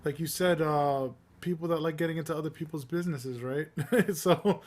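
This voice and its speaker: A man with a slightly higher voice chats on a casual political podcast. He rambles and restarts his sentences, relaxed and conversational. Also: moderate pace, a little hiss or hum. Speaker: podcast co-host.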